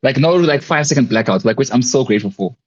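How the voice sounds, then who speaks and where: A man around thirty, co-hosting a casual TV review chat, animated and joking. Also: medium pitch, fast. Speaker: co-host of a TV review show. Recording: dull lo-fi mic.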